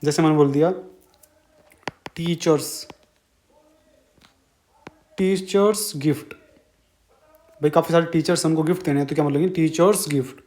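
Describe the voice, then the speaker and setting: Indian guy teaching grammar, fairly high voice, keeps asking his own questions then answering them. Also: fairly even intonation, very fast, hardly any pauses, a little mellow. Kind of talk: exam-prep grammar lecture.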